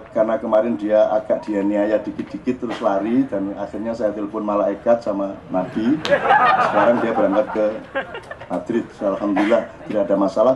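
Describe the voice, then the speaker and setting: An older man with an East Javanese accent giving an informal, playful sermon to a gathering, teasing the crowd and acting out exclamations. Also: lowish voice. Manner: playful, teasing, laughs often, acts out exclamations. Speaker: preacher leading a public religious gathering. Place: outdoor plaza gathering. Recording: dull live outdoor recording, faint background noise.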